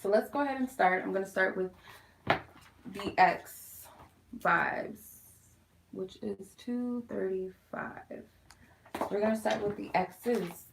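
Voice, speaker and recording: A woman's voice: medium pitch, slow pace, gravelly, long pauses, echoey room, a little hiss or hum, poor audio. A woman chatting informally to viewers as she gives a casual tarot reading on a live stream from home. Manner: informal, chatty, addressing viewers as "you guys". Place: quiet room at home.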